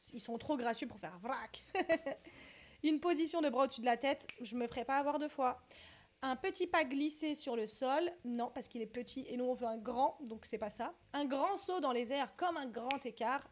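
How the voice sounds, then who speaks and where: A woman's voice: high voice, moderate pace. A young woman doing a dance quiz in a casual vlog, thinking aloud, swearing often and teasing herself.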